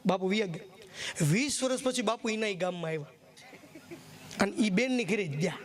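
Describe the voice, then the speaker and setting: A man with a high-pitched voice, speaking at normal speed, performs live folk stage comedy. Folksy and teasing, he jokes with and needles the audience, acting out characters in raised voices.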